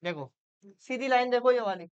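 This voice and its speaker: A woman teaches a classroom reasoning lesson and keeps firing questions at her students. Her voice sits a little high and comes through clear and smooth. The recording is muffled and lo-fi, as in a classroom. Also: moderate pace. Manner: quizzing students with repeated questions.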